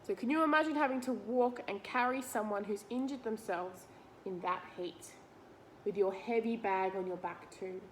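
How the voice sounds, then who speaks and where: Reading a picture book aloud for children, a woman who works as a read-aloud teacher keeps her explanations simple and poses questions to her listener. She speaks at a moderate pace in a medium pitch, on a low-quality recording with slight background noise.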